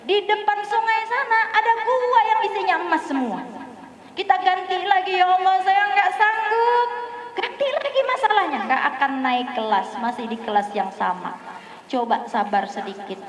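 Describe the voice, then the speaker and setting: A woman's voice: very high-pitched, expressive, moderate pace. A woman with a Banjar Indonesian accent giving a chatty sermon to a women's gathering, often asking the audience questions and acting out prayers. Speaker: preacher at a women's study gathering. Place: prayer hall. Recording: echoey, dull live-stream recording.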